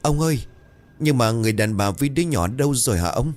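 A man's voice: medium pitch, lively intonation, fairly quick, darkish tone, soft background music, pitched above the performer's own voice, close to an everyday voice. A man voicing a timid young male servant who stammers politely and sounds frightened.

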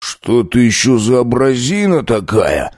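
A man playing a mocking, brutal werewolf bandit leader who talks slowly and sneers. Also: medium pitch, big pitch swings, a little mellow, dry recording, studio quality, pitched above the performer's own voice. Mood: sneering. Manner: slow, sneering, gloating.

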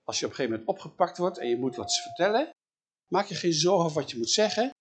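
A man retelling a Bible story in an animated way, often checking in with his listeners. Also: a little high, fast, slight background noise.

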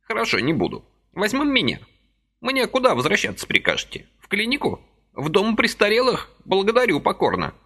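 Audiobook figure: frail fussy old man, high and fluttering, pleading, voiced by a male narrator. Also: wildly swooping pitch, fairly quick, pushed and bright, heavily acted.

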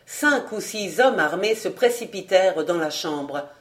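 A volunteer reader narrating a classic novel as an audiobook in a steady, expressive way. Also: medium pitch, measured pace.

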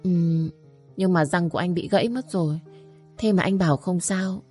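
A caring young mother asks anxious questions in a low, soft voice, as the narrator reads her. Faint music runs under the storybook reading. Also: normal speed, slightly rough. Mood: worried.

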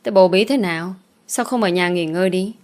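A woman's voice: on the low side, brisk, darkish tone, natural voice. Woman reading as a sly old landlord, offhand, patronizing, storybook reading. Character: old rich village landlord, fleeing, sly.

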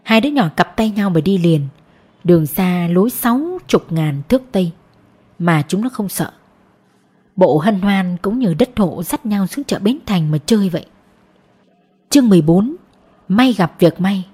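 A woman narrating a novel as an audiobook, reading in a steady, even manner. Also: medium pitch, moderate pace, pauses often, slightly rough. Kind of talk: storybook narration.

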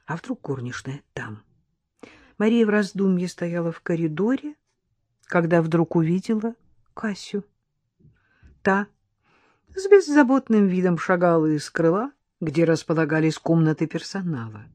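An audiobook narrator reading a detective novel with expressive, lively intonation. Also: medium pitch, unhurried, long pauses, no room sound.

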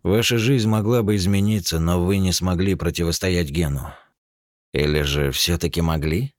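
A man voicing a middle-aged male psychotherapist in an audiobook, speaking in a measured, probing way. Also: deep voice, no echo, clean studio sound, pitched above the performer's own voice, lightly acted. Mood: clinical.

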